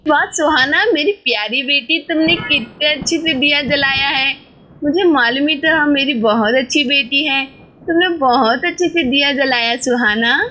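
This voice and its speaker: A caring young village mother, voiced by a woman in a doll story. She chatters in a coaxing, motherly way. Her voice is high and bright. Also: normal speed, slight background noise.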